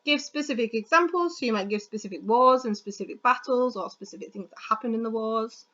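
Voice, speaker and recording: A woman teacher explains a writing task in a loose, chatty way, full of ums and quick restarts. Her voice sits a little high, and the recording sounds muffled and lo-fi. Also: a bit bright. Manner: chatty, quick, self-correcting, pauses with ums. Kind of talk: recorded classroom lesson. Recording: dull lo-fi sound.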